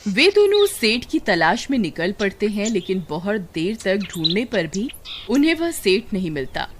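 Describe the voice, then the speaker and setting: A woman's voice: medium pitch, big pitch swings, normal speed, slight background noise. A woman narrating a scripted children's moral story as the storyteller.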